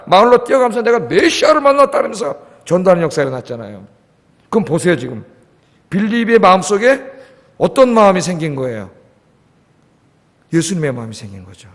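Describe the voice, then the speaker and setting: A pastor in his fifties preaching a sermon with emphasis, often asking his congregation questions. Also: high-pitched. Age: 50s. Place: church sanctuary. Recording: long church hall reverb.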